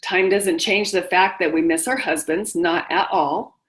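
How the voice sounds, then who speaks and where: A woman's voice: fairly low pitch, fairly even intonation, unhurried, poor audio. A middle-aged woman hosting a motivational webinar, speaking directly and encouragingly to her listeners. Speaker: webinar host and widowhood coach.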